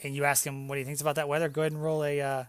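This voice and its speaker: A man's voice: fairly high pitch, completely flat delivery, rapid-fire, clear, resonant tone, no echo. A man narrating as dungeon master, casual and laughing, with some swearing. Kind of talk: narrating a tabletop game.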